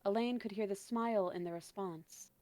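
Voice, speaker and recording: A woman reading a horror story aloud in a steady, dramatic way, then chatting casually. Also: medium pitch, normal speed, no echo. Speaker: guest storyteller.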